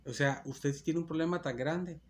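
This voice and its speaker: A man's voice: a little high, steady tone, moderate pace, darkish tone, slight background noise. Earnest, repetitive male preacher. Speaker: pastor. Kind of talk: sermon.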